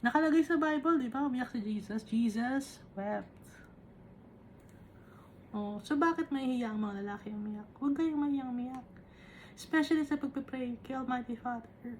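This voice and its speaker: Woman, Bible teaching, slow scripture reading, conversational asides, fairly high voice, faint background noise. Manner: Taglish, reads scripture slowly then explains conversationally with tag questions. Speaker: preacher.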